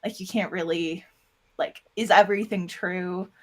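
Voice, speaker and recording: With a medium-pitched voice and a moderate pace, this audio drama producer talks casually as an interview guest. The delivery is animated, and little quoted lines get acted out along the way.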